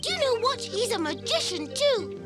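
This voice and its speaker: Cartoon rabbit, excitable, indignant, extremely high squeaky voice, loud music. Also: female voice, moderate pace. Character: excitable young rabbit friend.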